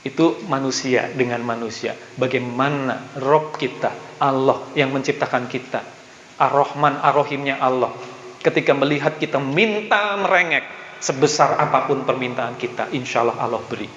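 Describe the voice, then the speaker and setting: A man's voice: medium pitch, normal speed, fairly bright tone, a little hiss or hum. A man giving a rousing religious business motivation talk in a mosque, asking the audience questions. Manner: rousing, asks the audience questions, acts out prayers. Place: mosque hall. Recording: echoey, dull hall recording.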